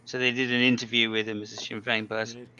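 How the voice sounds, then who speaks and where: A man's voice: mid-range voice, level tone, fast, muffled recording, crowd noise. A man on a casual video call, telling anecdotes with plenty of swearing. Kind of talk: casual chat.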